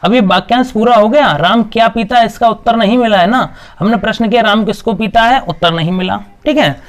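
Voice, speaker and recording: A man's voice: high-pitched, fairly quick. A man teaching a Hindi grammar lesson, asking questions and answering them himself, with a frequent "okay" between points. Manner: repetitive, asks and answers his own questions. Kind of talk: classroom-style video lesson.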